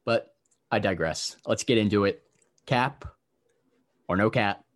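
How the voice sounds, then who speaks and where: A young man hosting a casual fantasy football podcast, briskly rattling off lists of players and giving his takes. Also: lowish voice.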